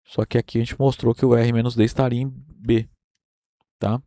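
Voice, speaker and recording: A man's voice: medium pitch, level tone, normal speed, mellow, no room sound, clean studio sound. Brazilian man lecturing through a proof. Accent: Brazilian Portuguese. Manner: explains step by step, checking in with "tá?" and "né?". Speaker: university math lecturer.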